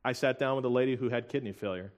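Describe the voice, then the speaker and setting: Earnest man preaching a sermon. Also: mid-range voice. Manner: earnest, emotional, halting with restarts and soft laughs.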